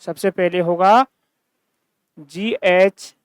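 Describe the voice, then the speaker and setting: Here a man with a Rajasthan Hindi accent gives a recorded science lecture in classroom style, turning his own questions into answers and reiterating key terms. He speaks slowly in a high-pitched, smooth voice, without echo.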